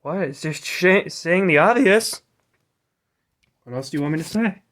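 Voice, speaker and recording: A man's voice: fairly high pitch, expressive, a little slow, fairly bright tone. A young man running a tabletop game, rambling with crude jokes and lots of fillers. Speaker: game master. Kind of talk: casual tabletop game narration.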